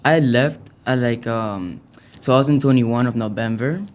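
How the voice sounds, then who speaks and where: A man's voice: mid-range voice, measured pace. A young man from Venezuela answering interview questions in a hesitant, casual way with many fillers. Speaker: youth soccer player, guest.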